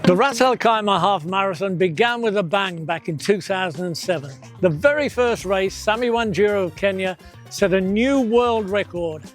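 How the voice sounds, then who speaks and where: A man narrating a measured, analytical preview of a half marathon field. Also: sits high, faint music behind. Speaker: commentator. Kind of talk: scripted race preview narration.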